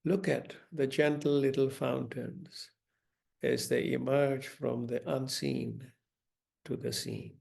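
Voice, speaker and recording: This guided meditation is led by a man whose gentle, deliberate instructions come with long pauses between them. He has a creaky, mid-range voice and fairly even intonation.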